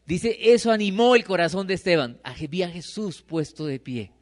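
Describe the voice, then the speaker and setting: Middle-aged pastor, man, mid-high voice, preaching with questions to the pews. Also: expressive, normal speed, long reverb tail. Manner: questions the congregation and answers himself. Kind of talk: sermon. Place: church hall.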